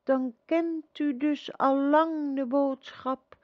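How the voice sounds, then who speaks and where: A high, loud young boy hero crying out in despair and confusion, put on by a woman reading a storybook. The voice jumps well above her narration and stammers through his questions. The sound is dry and a little dull, like a lo-fi home recording. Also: fairly even intonation, takes it slowly, no echo. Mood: bewildered. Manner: pleading, stammering outbursts.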